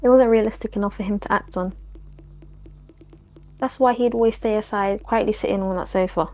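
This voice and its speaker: A woman reading a story aloud to friends, quickly and evenly. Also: mid-range voice, fairly even intonation, warm tone.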